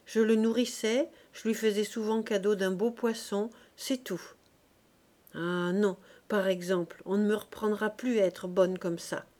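A woman voicing a hot-tempered young market fishwife who bursts out in shrill, indignant tirades. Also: fairly even intonation, measured pace, a little mellow, close to an everyday voice. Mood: self-justifying. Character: fiery young woman fishmonger, quick to rage.

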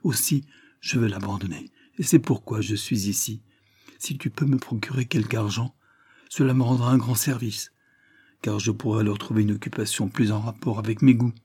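A man reading aloud voices a young fugitive brother who speaks in a sombre, quiet tone. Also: on the low side, fairly even intonation, moderate pace, husky, no echo, studio quality.

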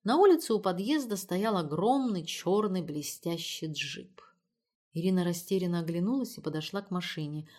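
A woman reading an audiobook in an even storytelling manner. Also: lowish voice, moderate pace. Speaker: audiobook narrator. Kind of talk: scripted narration.

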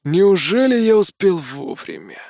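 A man doing a hoarse, formal old gentleman. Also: high-pitched, big pitch swings, no echo, clean studio sound, voice pushed up, exaggerated voice. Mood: calm. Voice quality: slightly hoarse. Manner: unhurried, formal. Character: mysterious grey-haired old gentleman, calm and formal.

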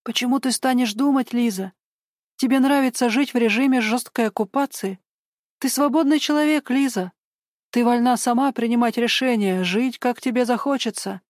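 A woman's voice: on the high side, moderate pace, darkish tone, dry recording, studio quality, voice pushed up, natural voice. A woman voicing an anxious, protective older man who speaks with urgent, indignant questions. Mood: persuasive.

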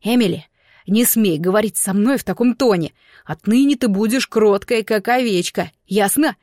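A woman's voice: medium pitch, normal speed, darkish tone, no echo, clean studio sound, lightly acted. A woman voicing an arrogant, smug young man who mocks and bullies his fiancée. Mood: commanding. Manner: mocking, condescending. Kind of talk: audiobook character voice.

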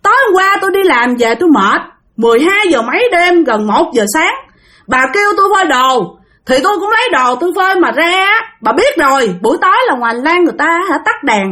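Exasperated young woman defending herself, high and lively, a woman voicing her. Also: fast talker, close to an everyday voice. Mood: indignant, protesting. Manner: exasperated, protesting. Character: indignant young woman wrongly accused.

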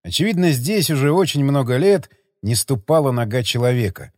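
A man reading an adventure audiobook in an expressive, dramatic narrating style. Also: mid-range voice, a little fast, no room sound, studio quality.

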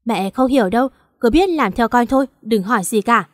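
Ruthless jealous young woman, read by a woman, harsh and defiant, high voice. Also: lively intonation, a little fast, no echo, clean studio sound, close to an everyday voice. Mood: tense.

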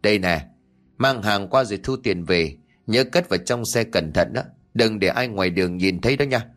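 A man voicing a gruff, scheming old male coffin maker who scolds and barks orders. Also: on the low side, moderate pace, a bit bright, soft background music, close to an everyday voice. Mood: sly.

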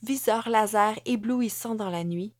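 Woman, audiobook narration, slow measured delivery, dry studio sound. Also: mid-range voice, no echo. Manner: measured, deliberate reading. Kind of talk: scripted narration.

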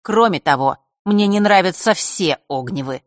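A woman voicing a cool, guarded teenage boy in an audiobook, speaking in slow, clipped replies. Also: fairly low pitch, animated, dry recording, studio quality, lightly acted. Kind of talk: audiobook character reading.

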